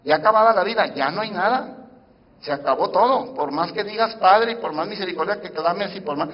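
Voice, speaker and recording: A man preaching from the pulpit of a church sanctuary, his raised, fairly high voice ringing out in a long, lingering reverb. He swings from loud, driving emphasis to quiet, hushed asides and keeps calling out questions to the congregation. The recording is dull and muffled. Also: animated, a little fast. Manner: addresses the congregation directly with questions. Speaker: pastor. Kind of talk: sermon.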